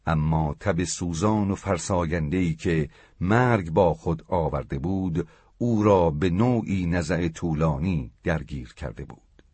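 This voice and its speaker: A man reading literary narration in a solemn, measured way. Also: low-pitched, darkish tone, slightly rough, no room sound.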